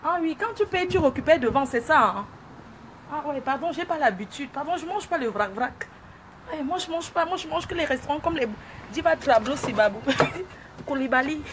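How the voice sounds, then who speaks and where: Femme exubérante dans une voiture bruyante. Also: female voice, high-pitched, lively intonation, moderate pace. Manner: boisterous, mixes French with pidgin English, exclaims "oh yes". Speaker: vlogger. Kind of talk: casual self-filmed car vlog. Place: inside a car at a drive-through. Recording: noisy car ambience. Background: car and engine noise.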